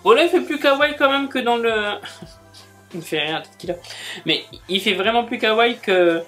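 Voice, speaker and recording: A man's voice: very high-pitched, lively intonation, moderate pace, fairly bright tone, faint music behind. A man chatting casually as he unboxes gifts, gushing and exclaiming as he goes. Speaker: book and manga YouTuber.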